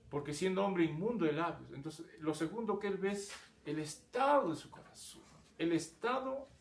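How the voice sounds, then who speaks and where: A male pastor delivers a sermon in a gravelly, slightly high voice. He repeats words and keeps addressing his listeners as brothers. The sound rings in an echoey church room.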